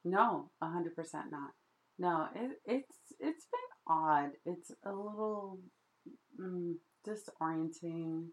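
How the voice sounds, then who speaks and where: A woman with a notably low voice co-hosts a relaxed podcast chat. She talks in a playful, giggly way, full of "like" and "you know". She laughs easily. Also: slow, poor audio. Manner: giggly, playful, chatty with many fillers. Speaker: podcast co-host. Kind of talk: casual chat.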